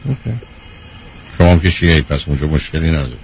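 A man's voice: a bass voice, lively intonation, vocal fry, lo-fi sound, a little hiss or hum. A man hosting a call-in advice show, blunt and direct, firing questions at the caller. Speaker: radio advice host.

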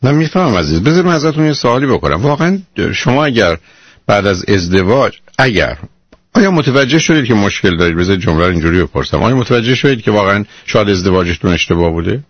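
A man's voice: lowish voice, very animated, breathy edge, no echo. A man hosting a call-in advice show, counseling a caller in a blunt, lecturing way and calling her "dear", heard as a muffled radio broadcast.

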